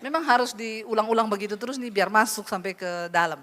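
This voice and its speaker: A middle-aged woman pastor preaching a lively, chatty sermon, teasing the congregation with asides. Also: medium pitch, a little fast, a little hiss or hum.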